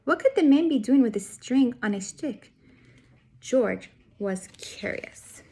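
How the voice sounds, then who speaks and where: A woman reads a picture book to young children in a slow, animated way, her slightly high voice warm and husky. She takes on a teacher's role, telling the story expressively and putting guiding questions directly to the listeners.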